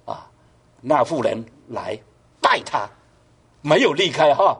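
Animated husky male preacher. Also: a little high, takes it slowly. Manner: animated preaching, rhetorical questions, voice rising with emphasis. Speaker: pastor. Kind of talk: sermon.

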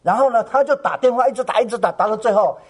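A man preaching a sermon who keeps asking his listeners questions and acts out quoted voices in a soft, hushed tone. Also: very high voice, fast talker, slightly rough. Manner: animated, asks the congregation questions.

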